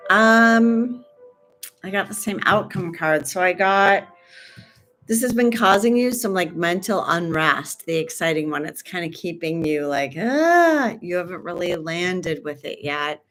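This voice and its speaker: Soft music plays behind a woman with a fairly low, animated, slightly bright voice who speaks slowly. Hosting her own livestream, this tarot reader chats and rambles through a casual reading, leaving sentences unfinished and adding jokey asides.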